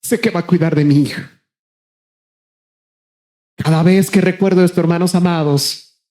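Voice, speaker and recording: A male pastor with a high-pitched voice delivers an impassioned sermon. He keeps turning to his listeners as brothers and sisters. His delivery swings between rapid runs of words and slow, weighty stresses. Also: warm tone. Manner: impassioned, repeatedly addressing the congregation as brothers; shifts between rapid bursts and slow, drawn-out emphasis.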